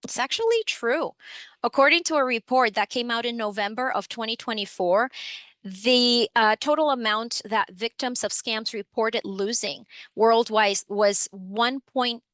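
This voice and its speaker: A woman from the Dominican Republic, a program supervisor, presents an educational webinar through a computer microphone with no room sound. Her voice is on the high side and fairly bright, a little slow, and her manner is friendly and upbeat with frequent fillers.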